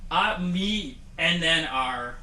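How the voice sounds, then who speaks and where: A man with a bright, forceful voice hosts a homemade awards show in a playful, mock-grand way, sometimes restarting his sentences. He sits a little above the usual male pitch. The sound comes from an echoey home room with a faint hiss underneath. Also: expressive, takes it slowly. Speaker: host. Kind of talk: casual comedic awards-show banter.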